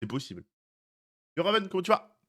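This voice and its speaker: A young man on a live stream speaks with a high-sitting voice full of big pitch swings, a little fast and fairly bright. He's chatty with his viewers, saying hello to them by name, teasing them and cracking side jokes.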